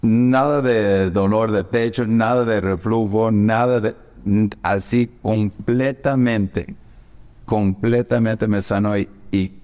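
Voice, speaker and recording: A man's voice: fairly low pitch, darkish tone, big-room sound. A man, a pastor from the United States, telling his personal testimony in an earnest, emotional way.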